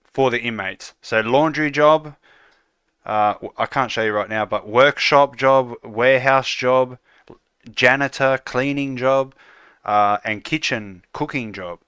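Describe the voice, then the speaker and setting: An Australian man chatting casually with viewers while building his game on a livestream, relaxed and full of "uh" fillers. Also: mid-range voice, unhurried, smooth, no room sound, dull audio. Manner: relaxed, lots of "uh" fillers, calls viewers "mate".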